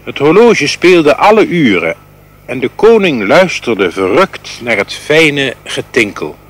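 A man reading a fairy tale aloud in a slow, expressive storytelling manner. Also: mid-range voice. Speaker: reader.

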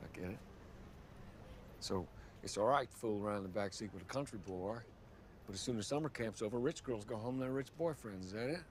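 Actor as lovestruck country man, low-voiced, confessing insistently. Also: a little fast, slight background noise, lightly acted. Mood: hurt, accusing. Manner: emotional, insistent confession, repeating himself emphatically. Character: young country man, intense, lovestruck, wounded and stubborn. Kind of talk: film drama acting.

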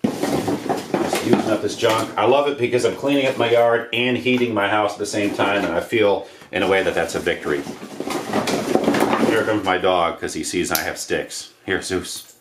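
Beside a wood stove in his living room, a fortyish American homesteading presenter casually demonstrates a DIY task, speaking in a slangy, rambling, offhand manner. His voice is fairly low, at a moderate pace. There's roomy echo and the noise of objects being handled.

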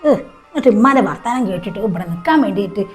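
A woman's voice: medium pitch, animated, very fast, soft background music, close to an everyday voice. A woman playing a resentful young married daughter in a short skit, with a Malappuram accent, curt and dismissive. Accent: Malappuram Malayalam. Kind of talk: short-film skit acting.

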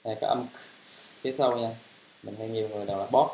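A man teaching English pronunciation, spelling words letter by letter and repeating them louder. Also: lowish voice, fairly even intonation, fast. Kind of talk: pronunciation lesson. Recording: roomy, dull lo-fi sound.

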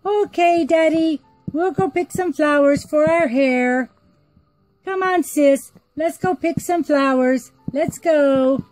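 A woman's voice: sits high, slow pace, a little mellow, no echo, soft background music, pitched above the performer's own voice. A woman voicing two sweet, eager young princess sisters in a storybook, in a childlike way.

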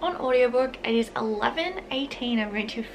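A woman's voice: a little high, lively intonation, a little fast, noisy background. A young woman, chatting casually and gushing in a reading vlog, full of "like" fillers. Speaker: book vlogger.

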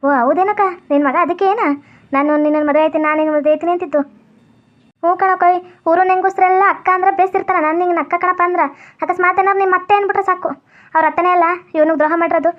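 A woman's voice: very high-pitched, fairly even intonation, rapid-fire. A woman playing a fretful village mother. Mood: explaining. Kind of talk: village comedy skit. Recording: dull lo-fi audio.

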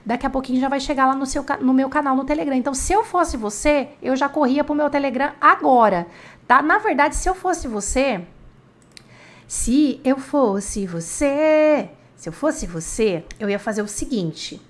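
A woman teaching a live online lesson, chatty, asking the class questions and repeating words slowly. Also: high-pitched, expressive. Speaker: French teacher.

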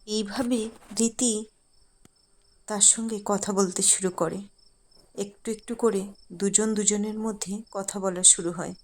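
Woman narrating a cartoon story slowly. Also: mid-range voice, steady tone, darkish tone, slight background noise. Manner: measured, plain storytelling.

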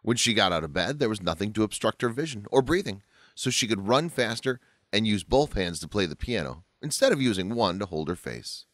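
A man narrates a scripted story with a lowish voice that rises and falls a lot. The recording is close and dry, with no room sound. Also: very animated, a little fast, a bit bright, dry recording.

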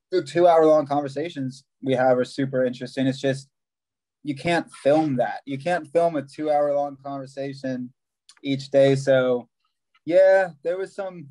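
This is a young man on a casual video call from a small room, a long-distance hiker with a warm, mid-range voice. He laughs easily and keeps starting his sentences over.

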